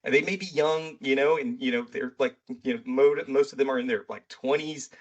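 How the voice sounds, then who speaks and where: Male podcast host, mid-pitched, casual, chatty and rambling, military background. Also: brisk, dull audio. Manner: loose and rambling, full of "you know" and "right". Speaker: military veteran.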